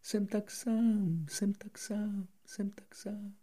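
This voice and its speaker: A man voicing a mountain echo in an audiobook, repeating words high and fading away. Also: fairly even intonation, dark tone, breathy edge.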